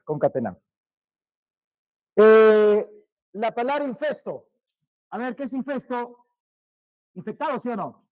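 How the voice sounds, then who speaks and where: Man, teacher, high-pitched, dry close sound, repeats words and asks students questions. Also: darkish tone, no room sound, low-quality recording. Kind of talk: vocabulary lesson to students.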